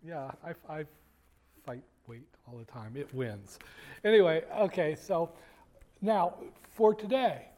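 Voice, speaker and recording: A man with a slightly high, somewhat mellow voice speaks slowly as he gives a university finance lecture in a classroom. He jokes and wanders off on tangents, addresses his students directly, and fills his talk with fillers, often stopping to restart sentences.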